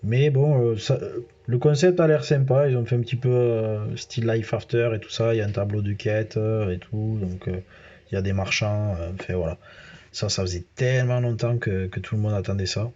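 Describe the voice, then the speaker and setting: A man's voice: lowish voice, fairly even intonation, a little fast, mellow, dull audio. Chatty man with a southern French accent. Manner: chatty, talks straight to viewers with many fillers. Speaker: gaming YouTuber. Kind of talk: casual let's-play commentary.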